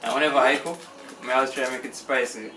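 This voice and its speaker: A man's voice: medium pitch, steady tone, fast talker, pushed and bright. A man chatting casually as a participant in a vlog challenge. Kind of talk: casual chat. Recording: echoey room, far mic, clear noise.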